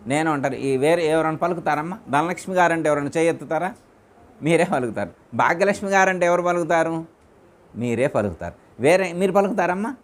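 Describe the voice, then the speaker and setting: A man with a high-pitched voice speaks as a spiritual teacher, giving a discourse inside a private home. He repeats his phrases and poses questions to the people listening.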